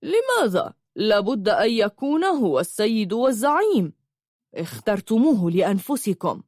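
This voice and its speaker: A man's voice: high-pitched, big pitch swings, normal speed, a little mellow, no room sound, studio quality. A woman voicing an arrogant young man who was once a horse, speaking in a sneering, mocking way in a read-aloud story.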